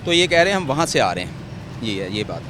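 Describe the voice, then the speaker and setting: A man with a Pakistani Urdu accent, a traffic warden, explaining the rules in a measured way at a roadside. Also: mid-range voice, big pitch swings. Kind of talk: official explaining on camera. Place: roadside outdoors in city traffic. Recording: loud street traffic noise.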